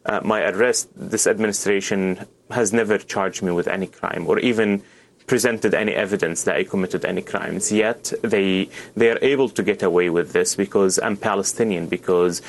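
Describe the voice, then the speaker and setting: Earnest low-voiced young man, halting. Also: slight background noise. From Syria. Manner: earnest, halting with many restarts and fillers. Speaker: guest. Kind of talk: interview answers.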